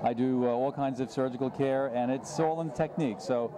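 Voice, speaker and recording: Halting man interviewed in a noisy place. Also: medium pitch, steady tone. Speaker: dentist, interview guest. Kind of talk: informal event interview. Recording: loud urban ambient noise.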